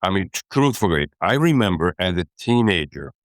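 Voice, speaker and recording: A man in his eighties, a guest in an interview, telling stories slowly and reflectively with some hesitations. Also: sits low, sing-song, dry recording, studio quality. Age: 80s. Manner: slow, reflective storytelling with hesitations. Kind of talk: relaxed interview talk.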